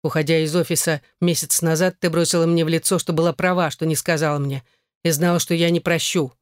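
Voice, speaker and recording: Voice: medium pitch, flat delivery, fairly quick, smooth, dry recording, clean studio sound, natural voice. A reader voicing a stern, resentful husband in an audiobook. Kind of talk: audiobook character voice.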